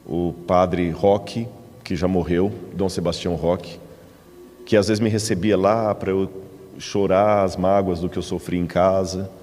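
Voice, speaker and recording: A man with a Brazilian Portuguese accent, a preacher telling his testimony from the pulpit as a lively storyteller. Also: deep voice, a little slow, in a large hall. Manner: lively storyteller, acts out dialogue in raised voices. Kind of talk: sermon testimony. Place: church in the United States.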